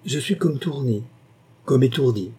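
A gentle young woman, teasing one moment and tender the next, as a male audiobook narrator puts her on. The voice stays mellow and slightly husky, coaxing rather than sharp. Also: mid-range voice, animated, unhurried. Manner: soft, coaxing, affectionate. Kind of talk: audiobook character voice.

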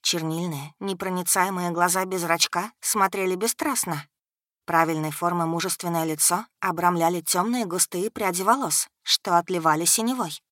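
A woman narrating a first-person audiobook in an expressive, steady storytelling manner. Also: fairly low pitch, moderate pace, no room sound, clean studio sound.

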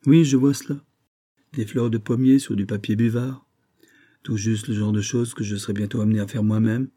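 A man's voice: mid-range voice, normal speed, mellow, husky, natural voice. A man voicing a proud, restless young society woman who speaks with impatient, imperious vehemence in an audiobook reading. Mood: bitter irony.

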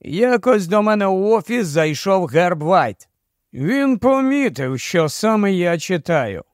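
High-voiced male audiobook narrator. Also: unhurried, no echo, studio quality. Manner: expressive, lively first-person storytelling. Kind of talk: expressive audiobook reading.

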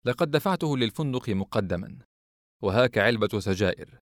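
A man voicing a reserved, melancholy man who speaks in a cool, measured, restrained way in an audiobook. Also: on the low side, lively intonation, no echo, studio quality, natural voice.

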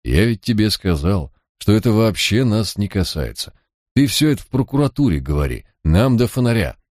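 A man's voice: on the low side, big pitch swings, normal speed, darkish tone, no echo, studio quality, voice pushed up. A man voicing a shrewd, cocky male police detective who talks in a mocking, coaxing drawl. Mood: coaxing mockery.

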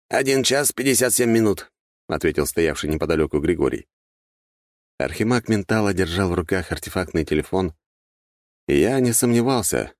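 Deep-voiced male audiobook narrator. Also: darkish tone, no echo, studio quality. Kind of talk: first-person audiobook narration.

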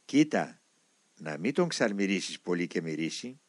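A man voicing a gentle old monk elder. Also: deep voice, big pitch swings, dry recording, pitched below the performer's own voice. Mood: tender. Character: dying old male monastic elder, gentle.

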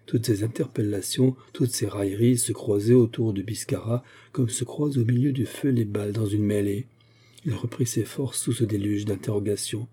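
A man narrates a novel in an even, measured way. His voice is dark and mellow, with a husky edge. The pitch sits on the low side. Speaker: audiobook narrator. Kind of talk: novel reading.

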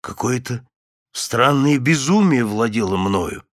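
A man's voice: medium pitch, animated, a little slow, no room sound, clean studio sound, close to an everyday voice. A man voicing an earnest, hopeful young man in an audiobook reading. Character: young male ship owner, relieved and hopeful.

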